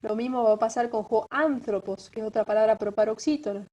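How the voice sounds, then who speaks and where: A woman teacher talks through a recorded lesson in a patient, methodical way. Her voice sits a little high, and she keeps checking that her listeners follow along. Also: a little fast, warm tone, muffled recording. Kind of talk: recorded lesson on Greek grammar.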